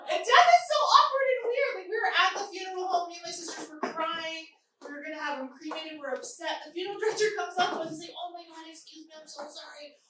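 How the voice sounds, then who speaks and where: A brash woman comedian works the crowd with punchy, high-pitched stand-up. Her voice is bright and cutting. It booms around a live club and is picked up from a distance. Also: animated, fast, hardly any pauses, slight background noise. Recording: roomy live club from far off.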